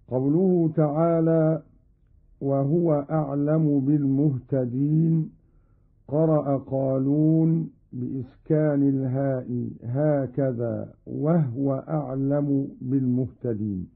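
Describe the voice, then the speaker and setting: A man giving a radio lesson on Quran reading variants, explaining slowly and reciting examples. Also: fairly high pitch, phone-quality sound. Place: radio studio.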